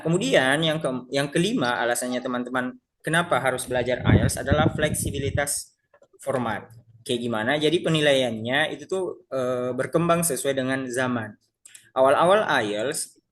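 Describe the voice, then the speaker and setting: With a mid-range, somewhat bright voice, a male IELTS teacher runs a relaxed online class, addressing students as friends and repeatedly stopping to begin sentences anew.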